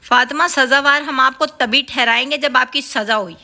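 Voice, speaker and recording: A woman's voice: high-pitched, vocal fry, pushed and bright, heavily acted. A woman playing a scolding mother. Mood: stern. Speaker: mother in a family skit. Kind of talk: comic family skit.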